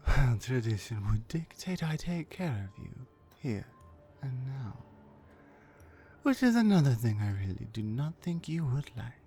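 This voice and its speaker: In an ASMR roleplay, a woman plays a dominant orc warrior woman, speaking very slowly and deliberately in a sing-song, mellow, exaggerated voice. Her pitch swings widely as she mocks and threatens menacingly, often dropping into breathy whispers in a dramatic monologue. Music plays behind her.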